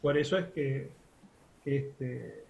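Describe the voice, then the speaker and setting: A man's voice: mid-range voice, animated, takes it slowly, gravelly, darkish tone, reverberant, highs cut off, a little hiss or hum. A man teaching a radio course, explaining step by step with many fillers and restarts. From Uruguay. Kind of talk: online class lecture.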